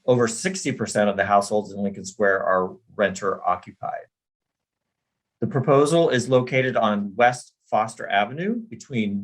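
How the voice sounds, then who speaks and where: Man, city planner, formal presentation, video call, steady scripted reading, mid pitch. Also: rough recording. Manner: reads steadily from a prepared script.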